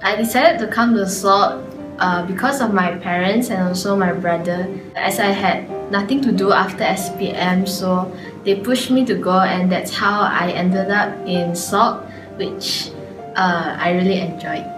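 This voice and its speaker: A woman from Malaysia, relaxed and casual in a personal testimony. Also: mid-range voice, unhurried, over music. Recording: roomy, distant recording.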